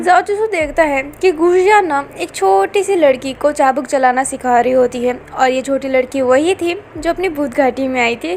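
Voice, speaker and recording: A young woman narrates a fanfiction story in a casual, chatty way, dropping fillers as she goes. Her voice is high. A faint steady hiss sits in the recording. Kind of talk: reading fanfiction aloud.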